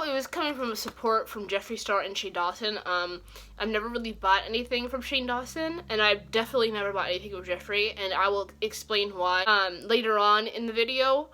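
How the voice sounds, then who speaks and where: Bright-voiced young woman talking through swollen cheek. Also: mid-range voice. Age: young adult. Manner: rambling, informal. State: talking awkwardly with a swollen, sore cheek, as if after dental work. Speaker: beauty vlogger. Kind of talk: casual chat to camera.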